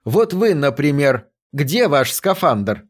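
A man's voice: fairly high pitch, big pitch swings, slow, exaggerated voice. A man voicing a meek, bewildered work robot in an audiobook, speaking in a plaintive, aggrieved way. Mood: disapproving. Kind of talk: audiobook reading of a science fiction story.

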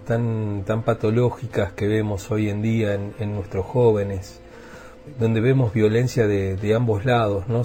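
A man hosting a reflective radio monologue, thoughtful and halting, often repeating words as he searches for them. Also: fairly low pitch, mellow.

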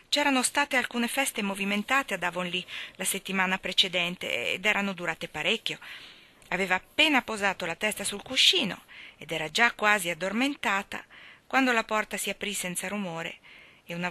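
Bright-voiced woman narrating an audiobook. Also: mid-range voice, dry recording. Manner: clear, measured storytelling. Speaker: audiobook reader.

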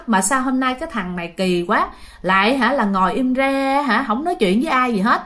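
A woman tells a ghost story in a chatty, conversational way. Her voice sits a little high, and she keeps turning to talk straight to her listeners. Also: a bit bright. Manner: chatty, addresses listeners directly. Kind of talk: spoken ghost story narration.

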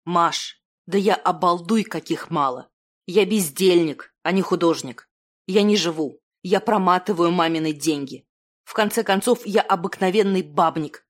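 A woman's voice: on the low side, normal speed, close to an everyday voice. A woman voicing a self-deprecating thirty-year-old man, a failed artist who talks himself down. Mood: self-mocking. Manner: self-deprecating, fumbling, then heated.

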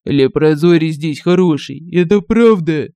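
A woman puts on a crafty male royal advisor who moans and pleads, overly gushing and theatrical. He sounds clear and smooth, a little low and mellow, and the recording is close and dry. It suits a comic fantasy audiobook. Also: unhurried, no room sound. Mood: whining. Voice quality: whiny, theatrical groaning. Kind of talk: audiobook character voicing.

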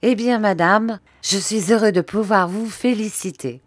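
A woman voicing a mild, timid country doctor who speaks gently and deferentially. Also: medium pitch, very animated, a little slow, no room sound. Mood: soothing.

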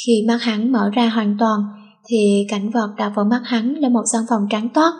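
A woman reading a teen novel aloud in a steady, plain storytelling manner. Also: fairly high pitch, normal speed.

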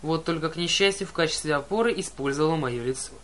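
Man, audiobook narration, lively first-person telling, higher voice, faint background hiss. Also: fast talker. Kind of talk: audiobook reading.

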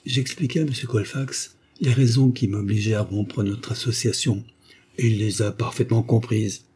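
A man reading the lines of a calm, earnest viscount who gives grave, persuasive counsel in an audiobook. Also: mid-range voice, normal speed, breathy edge, natural voice. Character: calm, earnest male viscount, loyal friend.

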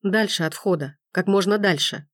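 A woman's voice: lowish voice, normal speed, no echo, clean studio sound, lightly acted. A woman reading an audiobook, voicing a stern, commanding man who scolds a young woman. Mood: urgent. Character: gruff commanding man, rescuer in a storm.

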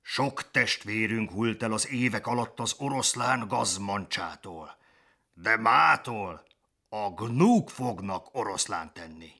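A man voicing a pompous wildebeest herd leader in a storybook reading, proclaiming slowly. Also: on the low side, pushed and bright.

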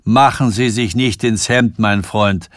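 A man's voice: lowish voice, a little slow, dry recording, studio quality, close to an everyday voice. A man voicing a brash, jovial English academic who teases and cackles, read in a radio story. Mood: mocking.

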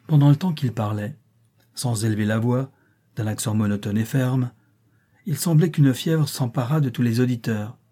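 Man, audiobook narrator, dramatic reading, mellow dark voice, slightly husky. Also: medium pitch.

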